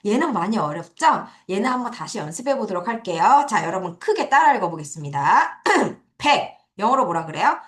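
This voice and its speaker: A woman's voice: medium pitch, big pitch swings, a little fast, hardly any pauses, a bit bright, reverberant. A woman teaching English number words to children in a recorded lesson, asking questions and answering them step by step. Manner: explains step by step with quiz questions to students. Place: classroom at an academy.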